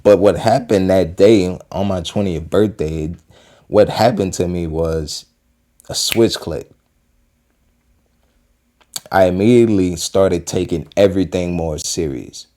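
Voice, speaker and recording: Reacting to a clip on his video, a Western Pennsylvania man in his early twenties rambles casually and motivationally about urgency in life. His deep, warm voice moves at a measured pace with frequent pauses, and he repeats himself and leans on lots of fillers.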